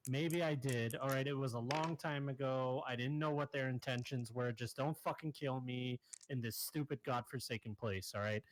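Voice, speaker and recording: A man's voice: mid-range voice, moderate pace, hardly any pauses, close to an everyday voice, poor audio. Man voicing a jittery shady arms dealer. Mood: nervous. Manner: defensive, pleading, evasive.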